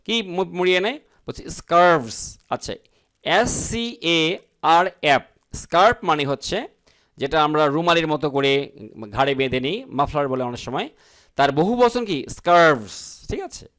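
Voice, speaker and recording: Male English teacher, slightly high, very animated pitch, word-by-word explainer who reads examples slowly and keeps checking in with the class. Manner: asks and answers his own questions, reads English sentences slowly; explains word by word, often checking in with "ঠিক আছে?". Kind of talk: Bangla-language English grammar lesson.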